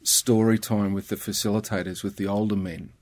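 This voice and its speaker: A man's voice: on the low side, level tone, a little fast, a little mellow, no room sound. A middle-aged Australian man with an Australian accent, talking earnestly and reflectively as a podcast guest. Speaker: guest, ministry worker. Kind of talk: casual conversation.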